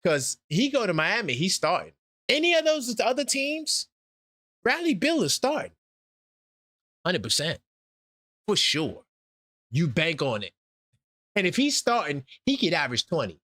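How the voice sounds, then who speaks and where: Lively, bright-voiced man in his forties. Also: high-pitched, unhurried, pauses often, dry recording, studio quality. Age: 40s. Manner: emphatic, repeats his points. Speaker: host. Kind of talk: sports talk show.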